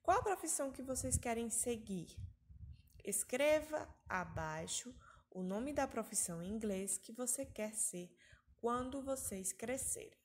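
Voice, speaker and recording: A woman from Brazil with a Northeastern Brazilian accent, teaching an online English lesson to young children and drawing out each word in slow repetition drills. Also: on the high side, animated. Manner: slow, drawn-out pronunciation drills with exaggerated intonation.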